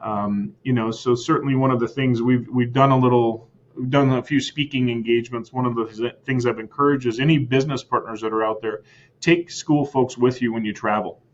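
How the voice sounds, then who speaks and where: Man, American accent, superintendent in an interview, earnest, mid-pitched voice, slightly dull audio. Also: fairly even intonation, brisk. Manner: earnest, repeats words, tags lines with "right?". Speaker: school district superintendent. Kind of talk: podcast interview answers.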